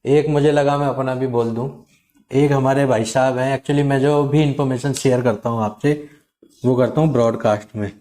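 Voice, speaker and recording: A man hosting his channel, talking casually and animatedly to viewers and acting out callers' lines in quick quotes. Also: mid-range voice, fairly even intonation, mellow. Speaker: channel host advising viewers on loan recovery calls. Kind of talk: casual talk to camera.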